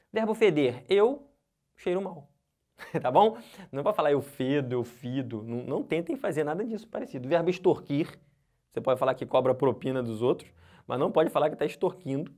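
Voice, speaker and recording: A man from Brazil teaching grammar to exam candidates in a casual lecture, often checking in with his students. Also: on the high side. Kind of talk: recorded classroom lecture.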